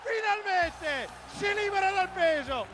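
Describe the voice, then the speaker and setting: A man giving excited, breathless, exclamatory football goal commentary with music behind him. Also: very high voice, slow, a loud crowd. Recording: music over TV match commentary.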